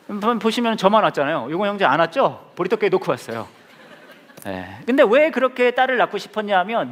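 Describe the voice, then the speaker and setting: A man in his forties preaching a playful sermon, joking and acting out scenes with his congregation. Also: on the high side.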